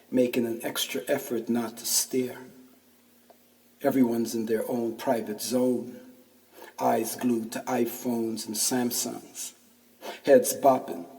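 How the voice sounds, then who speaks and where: Man in his 50s telling his own story, slow and laid back, wry with street slang, kinda far off the mic in an echoey room. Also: mid-range voice, warm tone. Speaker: podcast host and narrator. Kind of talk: reading a personal essay aloud. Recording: distant voice in a reverberant room.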